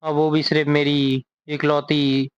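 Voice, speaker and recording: A timid, ashamed teenage boy, spoken in a flat, even line by a man reading him out. The voice sits a bit high and stays very level. It comes through a dull lo-fi recording. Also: unhurried, smooth, dry recording, close to an everyday voice.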